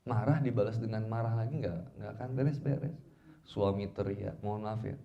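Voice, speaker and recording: A man's voice: fairly low pitch, normal speed, gravelly, lo-fi sound. A man preaching an informal Islamic study talk in a chatty, slangy way, telling personal anecdotes and acting out quoted dialogue. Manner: tells personal anecdotes to the audience.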